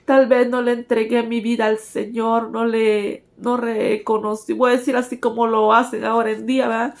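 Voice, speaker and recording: A woman's voice: fairly high pitch, level tone, normal speed, a little mellow. A woman giving a personal religious testimony, earnestly speaking to her listeners as brothers and sisters.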